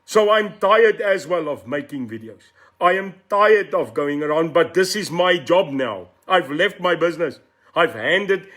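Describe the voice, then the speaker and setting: A man's voice: high voice, fairly bright tone. An older man with a South African accent gives a blunt, combative, emphatic live video address as a political leader, switching between two languages. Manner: switches between Afrikaans and English.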